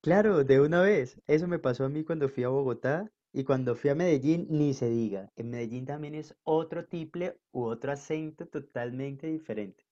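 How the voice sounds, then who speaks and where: Earnest colombian guy guesting on a podcast, mellow voice, muffled audio. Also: mid-range voice, normal speed, few pauses. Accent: Colombian, mixed coastal. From northern Colombia. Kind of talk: casual conversation.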